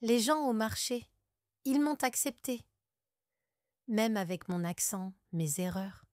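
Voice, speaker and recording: Woman narrator voicing a young Scottish learner, hopeful and earnest, unhurried delivery. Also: a little high, expressive, a little mellow, dry recording, studio quality. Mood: reflective. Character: young Scottish woman learning French, shy but eager.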